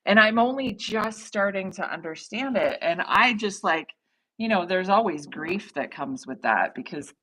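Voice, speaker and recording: A woman's voice: medium pitch, expressive, moderate pace, bright, forceful tone, poor audio. A woman in her forties chatting casually on a livestream, rambling, laughing and answering viewer comments. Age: 40s. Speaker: livestreaming artist.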